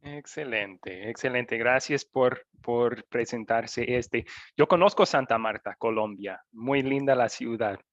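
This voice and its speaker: A man's voice: medium pitch, slow pace, few pauses, no room sound, highs cut off. A male teacher hosting an online class, calling on students by name in a friendly way.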